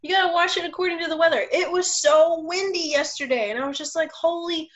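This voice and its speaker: A young woman co-hosting a casual home podcast, chatting bluntly and telling stories with a joking edge, and she says her voice is deep for a woman. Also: fast, fairly bright tone. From Florida. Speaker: podcast co-host. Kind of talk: casual chat. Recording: muffled lo-fi home recording.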